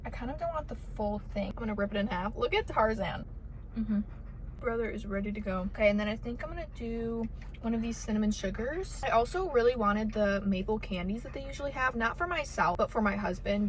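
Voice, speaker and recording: A woman's voice: medium pitch, slight background noise. A young woman talking casually and upbeat to her viewers in a lifestyle vlog. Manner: chatty, upbeat, conversational. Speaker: vlogger. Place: outdoors at a park, with her dog.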